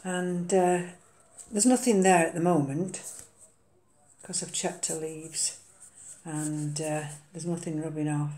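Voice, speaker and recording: An older woman speaks slowly in a low, warm voice with fairly even intonation, chatting casually about potting an orchid in her home kitchen. She's an orchid vlogger who hesitates a lot with ums and uhs, and the sound is reverberant.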